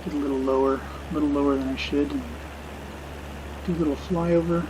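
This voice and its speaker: Casual male gamer over steady background noise. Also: a little high. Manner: hesitant, musing, unhurried reminiscing. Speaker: video game streamer flying a simulator. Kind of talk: casual unscripted gameplay commentary.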